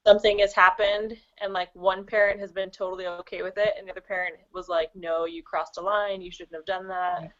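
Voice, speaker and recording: A woman's voice: medium pitch, level tone, a little fast, few pauses, fairly bright tone. A woman asking a question in a casual group discussion over a video call, her sound cutting in and out. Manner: asks a follow-up question. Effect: sound keeps cutting out over the call. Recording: dull call audio with dropouts.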